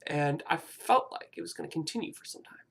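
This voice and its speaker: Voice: medium pitch, expressive, brisk, vocal fry, husky. A young adult of about twenty vlogging a rambling, hesitant personal confession, often apologizing and restarting sentences.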